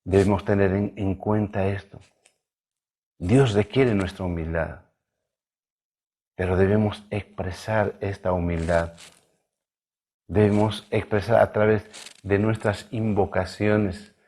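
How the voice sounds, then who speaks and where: A male pastor from Bolivia preaching a sermon in a measured, emphatic way, drawing out key words. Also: lowish voice, a little mellow. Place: church livestream.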